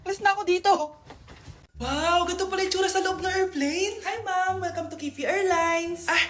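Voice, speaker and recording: Very high-voiced woman performing comedy skits. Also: moderate pace, a bit bright. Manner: playful, switching between character voices. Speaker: comedy skit creator. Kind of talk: comedy skit acting.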